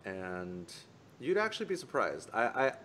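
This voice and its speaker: A man's voice: mid-range voice, wildly swooping pitch, normal speed, a bit bright, a little hiss or hum. A man co-hosting an esports talk show in casual panel chat, making jokes and trailing off mid-list.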